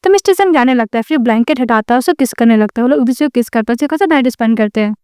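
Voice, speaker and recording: A woman retelling a drama's plot in a fast, steady storytelling voice, mixing in many English words. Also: a little high, smooth, dry recording, studio quality. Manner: rapid, even storytelling with many English loanwords. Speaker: drama recap narrator.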